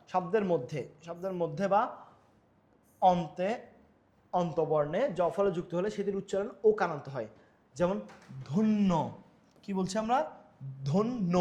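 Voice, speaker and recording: Young male tutor, high and fast, rhetorical-question lecturing style. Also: a little mellow. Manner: repetitive, quizzing himself with rhetorical questions. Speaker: Bengali grammar teacher. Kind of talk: exam-prep lecture over slides.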